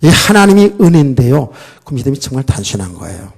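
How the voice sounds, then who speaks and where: A man's voice: mid-range voice, very animated, fast, gravelly. A middle-aged man preaching a sermon as pastor, often putting questions to the congregation.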